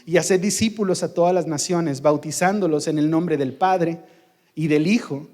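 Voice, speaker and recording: A man's voice: on the high side, moderate pace, dark tone, long reverb tail. A man preaching a sermon in church, emphatic, with rhetorical questions and repetition. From Mexico. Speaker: pastor.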